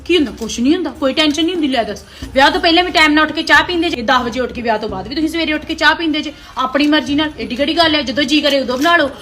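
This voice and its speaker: A woman's voice: high voice, bright, forceful tone. A woman giving a sarcastic comic monologue. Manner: sarcastic, brisk. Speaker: comedy vlogger.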